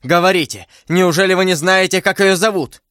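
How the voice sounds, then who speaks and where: A man's voice: on the high side, lively intonation, a little slow, fairly bright tone, no echo, clean studio sound, voice pushed up. A man voicing an impetuous young swordsman who exclaims urgently in a raised voice.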